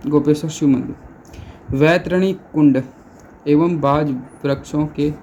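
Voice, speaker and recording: A man's voice: fairly high pitch, fairly even intonation, slow pace, darkish tone, highs cut off, slight background noise. A male exam-prep teacher who runs through facts by asking questions and answering them himself, over and over. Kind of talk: exam-prep lesson with repetition and rhetorical questions.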